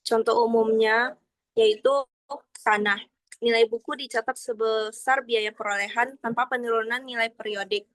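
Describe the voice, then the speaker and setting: A young woman reads partly from slides while formally explaining accounting material as a student presenter. Her pitch is on the high side and her tone steady at normal speed, in a dry recording.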